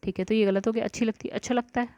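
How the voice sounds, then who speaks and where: Speaking very fast, this woman has a fairly high, mellow voice with fairly even intonation. She works aloud through the answers in an exam-prep grammar lesson, checking in again and again with "ठीक है" and "guys", in a dry, dull lo-fi recording without room sound.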